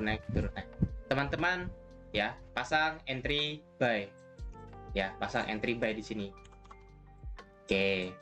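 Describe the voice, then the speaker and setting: A man's voice: on the low side, bright, forceful tone. A man mentoring trading students in a casual, chatty lesson, often tagging his sentences with little checks for agreement. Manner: chatty, repeats "ya kan" and "gitu" often.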